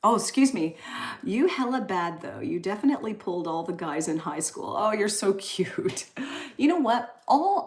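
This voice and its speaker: A woman's voice: lowish voice, a little mellow. A woman in her forties from Canada, hosting a live stream and chatting casually as she reads viewers' comments aloud, upbeat and often laughing. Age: 40s. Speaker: livestream host.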